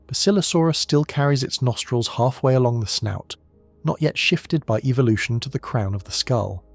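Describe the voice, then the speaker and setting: Man, nature documentary narrator, measured storytelling, creaky gravelly voice, dry close sound, music underneath. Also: medium pitch, darkish tone, no room sound.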